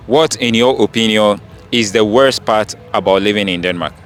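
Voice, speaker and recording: A man's voice: on the low side, moderate pace. Upbeat man hosting street interviews. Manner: upbeat channel intro. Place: outdoors in a city park. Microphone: handheld mic.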